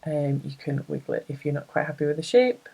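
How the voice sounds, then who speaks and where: Low-voiced Northern English woman teaching embroidery. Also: expressive, fast talker, vocal fry, dark tone, slightly rough, low-quality recording. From northern England. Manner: chatty, self-deprecating, thinks aloud. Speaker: embroidery tutor. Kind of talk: casual craft tutorial.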